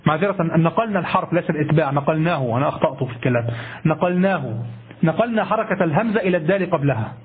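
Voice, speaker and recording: In a slightly high, expressive, breathy voice, a grammar teacher races through a classroom lecture on Arabic grammar. He repeats phrases, corrects himself, asks rhetorical questions, and checks on listeners with "ha?" The recording is tinny and lo-fi, like a phone.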